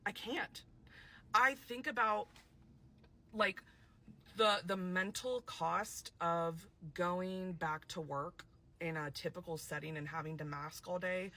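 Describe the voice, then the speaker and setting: A woman speaking candidly to camera about her own life, halting, with fillers and trailing phrases. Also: lowish voice, bright, forceful tone. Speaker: clip speaker being reacted to. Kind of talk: personal talk to camera.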